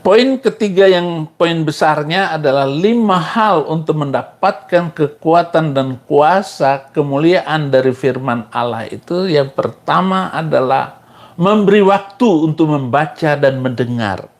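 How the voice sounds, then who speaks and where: A middle-aged man delivers a sermon slowly and deliberately. His voice has a gravelly edge, and he mocks his critics, laughs at his own jokes, and leaps up in pitch to make a point. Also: expressive. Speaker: preacher.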